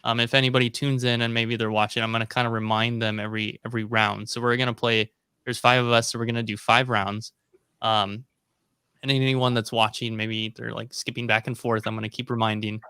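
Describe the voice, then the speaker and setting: Man, video call audio, bright, crisp, dry, casual host, lots of ums. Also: medium pitch, level tone, brisk, no room sound. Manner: rambling, many ums and restarts. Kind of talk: casual live-stream chat.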